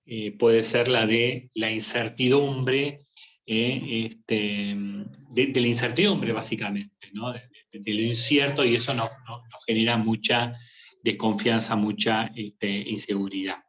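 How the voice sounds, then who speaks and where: A man, a psychologist giving a reflective faith talk, speaking slowly with many pauses and fillers. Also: on the low side, steady tone, fairly bright tone. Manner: slow and halting, many fillers and tag questions. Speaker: psychologist leading a faith workshop. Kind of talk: reflective talk with a scripture reading.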